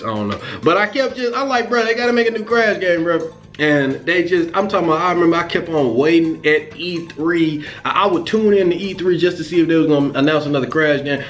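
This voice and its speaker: Excitable slangy young man, slightly high voice. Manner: excitable, slangy, repeats "bruh" and "you know what I'm saying". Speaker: video game reviewer. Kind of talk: casual game review vlog.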